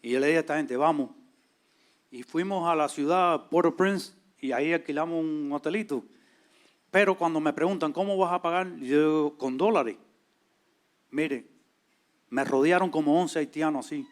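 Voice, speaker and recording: A man, telling his testimony in a lively way and acting out the voices of people in his story. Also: a little high, normal speed, long pauses. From Cuba. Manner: animated, acts out quoted voices. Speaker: church servant leader, guest.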